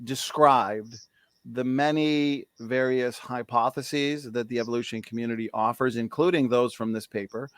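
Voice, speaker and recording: A man's voice: mid-range voice, fairly even intonation, normal speed, fairly bright tone, smooth, no room sound. Upbeat man hosting a debate, dry sound. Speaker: host.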